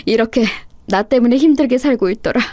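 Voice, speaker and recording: A remorseful old uncle who speaks in a subdued, apologetic way, a little lower than the reader's own voice, as a woman narrator plays him. The audiobook voice is recorded close and dry, with no room echo. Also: fairly quick, a little mellow, lightly acted. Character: older man, remorseful returned uncle.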